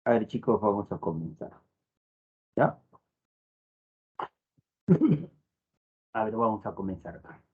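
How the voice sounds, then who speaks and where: A man teaching an online class, repeating phrases and filling pauses with "a ver" and "estamos". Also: lowish voice, sing-song, slightly rough. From Peru. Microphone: phone. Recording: tinny phone-like lo-fi audio.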